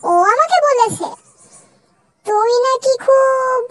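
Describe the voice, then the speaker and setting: A woman's voice: very high voice, takes it slowly, no room sound, voice pushed up. A young woman voicing a bossy college girl who teases and scolds her friend, in a fan dub drama. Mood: teasing. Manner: teasing, scolding.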